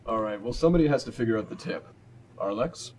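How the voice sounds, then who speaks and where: A man's voice: fairly low pitch, lively intonation, quick pace, darkish tone, close to an everyday voice. Man as a matter-of-fact superhero charmer, plain tone, faint room noise. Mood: brisk. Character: practical male superhero, a confident charmer. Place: restaurant.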